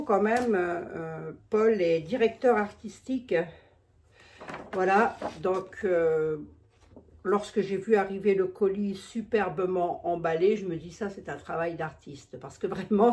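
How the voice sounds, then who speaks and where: A woman's voice: medium pitch, a little mellow. A woman with a lisp, slushy sh for s and slightly impeded articulation, chatting casually and self-mockingly to subscribers in an unboxing vlog, often repeating her phrases. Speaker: video creator addressing her subscribers.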